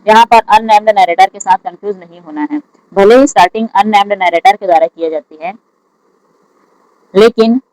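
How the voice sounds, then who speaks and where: Teacher reading English exam questions slowly. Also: medium pitch, darkish tone, dry recording, low-quality recording. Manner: reads English questions slowly, explains in Hindi. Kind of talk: lecture solving exam questions.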